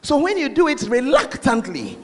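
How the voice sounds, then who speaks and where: Male Ghanaian preacher, very high voice with lively swings, scolding a congregation through a face mask in a long, reverberant hall. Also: moderate pace. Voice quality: slightly muffled by a face mask. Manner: scolding, questioning listeners directly. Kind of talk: sermon to a congregation. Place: large reverberant church.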